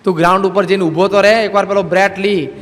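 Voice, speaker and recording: A man with a high, light voice delivers a sermon as relaxed, joking talk about everyday life. His voice rings out through a hall with a long echo. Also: fast. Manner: humorous, conversational storytelling with everyday examples. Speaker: religious discourse speaker.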